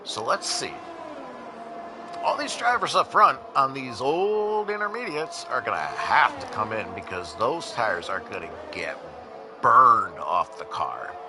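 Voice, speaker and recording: A man's voice: medium pitch, sing-song, measured pace. A man with a New York accent commentating a sim race casually, with lots of fillers and restarts. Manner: casual, rambling, many fillers. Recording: noisy with engine sounds behind. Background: racing car engines.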